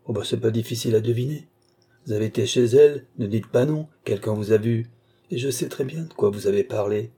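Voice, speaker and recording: A man's voice: mid-range voice, fairly quick, warm tone, breathy edge, close to an everyday voice. A man voicing an indignant accusing young man.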